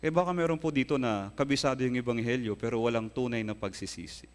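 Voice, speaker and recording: A male pastor preaching a sermon with earnest emphasis, often asking his congregation rhetorical questions and rising into emphatic high bursts. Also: fast talker, darkish tone. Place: church hall. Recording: long hall reverb.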